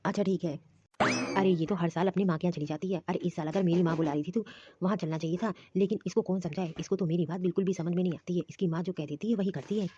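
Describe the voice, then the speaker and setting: A woman's voice: fairly low pitch, steady tone, quick pace, mellow, slight background noise, close to an everyday voice. A woman voicing a young married husband in a Hindi cartoon, coaxing and rambling as he pleads. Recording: dull lo-fi recording.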